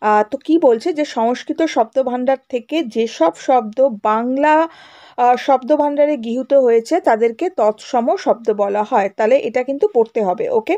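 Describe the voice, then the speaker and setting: A woman teacher walks schoolchildren through a grammar lesson, going over each rule more than once and checking in with her pupils after every point. Her voice sits high, with a soft, mellow tone. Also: normal speed, highs cut off. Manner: explains and repeats, checks with "right?" and "okay?".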